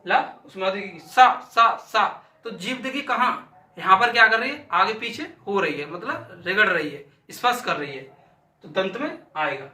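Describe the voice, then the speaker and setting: A man teaches a lesson in a high, piercingly bright voice. He sounds out syllables over and over and poses questions he then answers himself. He is heard from a distance in an echoey room. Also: animated, moderate pace. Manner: demonstrates sounds by repeating syllables aloud; asks and answers his own questions. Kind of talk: classroom lesson.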